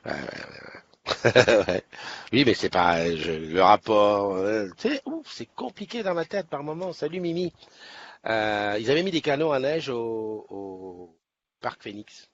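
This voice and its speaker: A man's voice: fairly low pitch, sing-song, measured pace, dry recording. A man from Nice hosting a casual livestream, chatting in a rambling way with many restarts. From Nice, France. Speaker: livestream host. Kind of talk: casual live chat. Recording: slightly dull sound, faint background noise.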